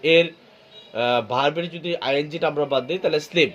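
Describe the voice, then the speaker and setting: Man, Bangladeshi Bengali accent, teacher, repeats and quizzes, slightly high voice, muffled lo-fi recording. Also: fairly bright tone, slight background noise. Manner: slow, repeats words and quizzes students. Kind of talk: class lecture.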